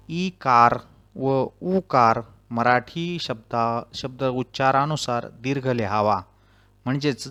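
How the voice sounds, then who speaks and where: A man teaches grammar at a slow, deliberate pace, reading out each rule and then spelling its example words. His voice is smooth and clear, and his pitch sits in the middle. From Maharashtra. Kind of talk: Marathi grammar lesson.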